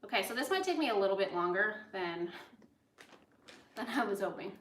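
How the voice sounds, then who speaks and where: In a mid-range, sing-song voice, a woman talks fairly quickly with a fairly bright tone, a slight hiss or hum underneath. She's a chef from the US, raised in Los Angeles, casually rambling with asides on her cooking livestream. The sound is roomy and echoey.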